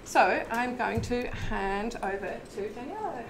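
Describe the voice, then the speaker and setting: A woman's voice: a little high, lively intonation, measured pace. Hesitant woman hosting in an echoey room. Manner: hesitant, many fillers. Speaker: event host. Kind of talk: live event introduction. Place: brick-walled meeting room with audience. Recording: echoey room with background noise.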